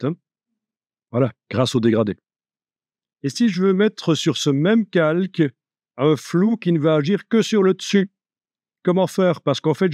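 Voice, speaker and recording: A man giving a live software tutorial, chatty and joking, thinking aloud as he works. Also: a little high, dry recording, studio quality. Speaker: software instructor.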